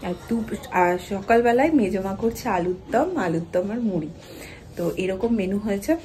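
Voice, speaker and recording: A woman vlogging casually at home about a family birthday, speaking softly. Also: mid-range voice, moderate pace, a little hiss or hum. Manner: hushed, soft-spoken narration. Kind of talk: casual vlog chat.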